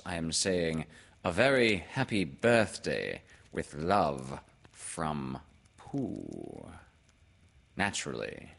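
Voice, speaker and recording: A pompous owl from a storybook, acted out by a man, in a very low, husky voice. He speaks slowly and deliberately, full of self-importance, with a gravelly creak. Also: a bit bright, full character voice. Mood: carelessly pompous. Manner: drawn-out, deliberate, pompous delivery. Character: Owl, pompous, self-important male bird, a little anxious. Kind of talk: storybook character voice in a read-aloud.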